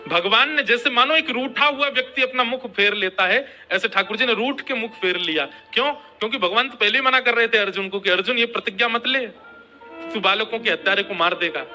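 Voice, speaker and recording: A man's voice: sits high, pushed and bright. A man preaching a devotional story sermon, telling it dramatically and chanting verses.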